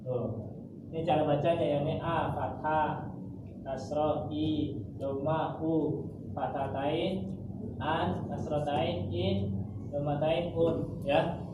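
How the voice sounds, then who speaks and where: A man teaching Quran recitation in an informal class, patiently repeating rules and slowly chanting drawn-out example words. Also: fairly high pitch, fairly even intonation. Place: gathering room with students. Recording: echoey room, far from mic, noisy.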